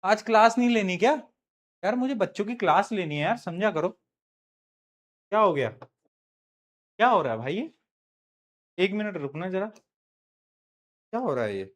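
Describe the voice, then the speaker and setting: A man's voice: high-pitched, lively intonation, moderate pace, long pauses. A man teaching a live online science class in Hindi, chatty and teasing his students, slipping into English terms.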